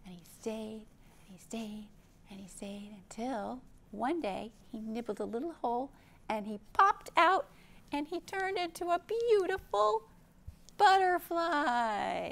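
A middle-aged American woman, a librarian running storytime in an indoor library room, reads aloud and explains things simply and expressively to young children during a show-and-tell. Her voice sits on the high side, gravelly, with a fairly bright tone.

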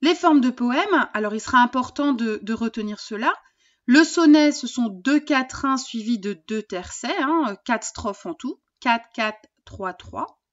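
A woman teacher giving a recorded poetry lesson. She explains patiently and often pauses with fillers. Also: a little high, animated, muffled recording.

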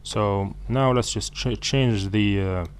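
In a lowish voice over a little hiss or hum, this man, whose first language is Arabic, guides viewers through code in a screen-recorded programming lesson. His delivery is halting, packed with fillers, restarts and self-corrections.

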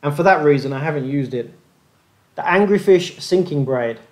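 A man's voice: on the high side, expressive, moderate pace. A man hosting a fishing channel, narrating a methodical review of gear tests over slides in a plain-spoken way.

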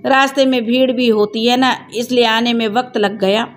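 A woman's voice: on the high side, steady tone, moderate pace, close to an everyday voice. A woman voicing a spirited young village woman, talking earnestly and confidingly.

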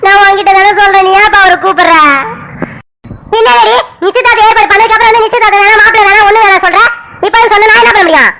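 A woman voicing a loud, scolding cartoon mother. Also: very high voice, steady tone, racing, a little hiss or hum, exaggerated voice. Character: scolding middle-aged mother, loud and exasperated. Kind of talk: animated family serial voice acting.

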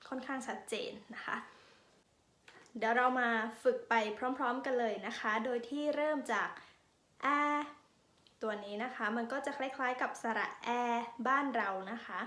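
Female language teacher, high and slow, patient demonstrations, echoey room. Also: fairly bright tone. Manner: patient, drawn-out demonstration of vowel sounds. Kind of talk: online pronunciation lesson.

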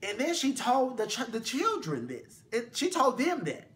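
Male co-host, sassy and profane, casual gossip chat, bright tone. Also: very high-pitched, huge pitch swings, moderate pace, a little hiss or hum. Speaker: vlog co-host.

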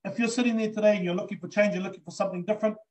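Here a New Zealand-accented man in middle age races through an enthusiastic, earnest business pitch on a video call, filler words scattered throughout. His pitch is high and steady, the tone somewhat dark, and he's filmed indoors against green.

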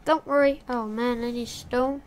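A woman's voice: fairly high pitch, steady tone, moderate pace, background noise. A woman giving casual gameplay commentary, chatting to the creatures in her game. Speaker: gamer.

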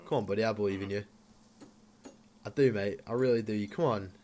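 A man's voice: lowish voice, fairly quick, a little hiss or hum. Chatty young man playing a game. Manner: chatty, talks to his Sim, bursts into loud exclamations. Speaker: gaming YouTuber. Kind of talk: casual Let's Play commentary.

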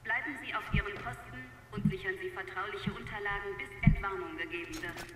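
Game loudspeaker announcer, formal alarm warnings, fairly high voice, far-off echoing PA sound, loud background noise. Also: male voice. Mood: urgent, formal. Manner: formal, measured, repeats warnings. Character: stern male base announcer on the loudspeakers. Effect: loudspeaker announcement over a public address system. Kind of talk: video game voice acting. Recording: echoey distant loudspeaker with heavy noise.

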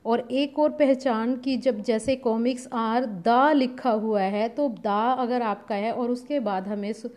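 Slow, patient woman teaching grammar. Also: a little high, warm tone. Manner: patient, explains step by step, reads example sentences slowly. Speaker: English teacher. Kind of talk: explaining a grammar lesson.

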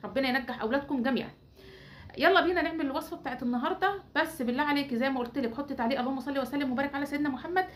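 A woman's voice: high voice, racing. A woman with an Egyptian accent hosting a home hair-care recipe tutorial. She is chatty and teasing, and talks straight to her viewers as if they were her sisters. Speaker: beauty channel host.

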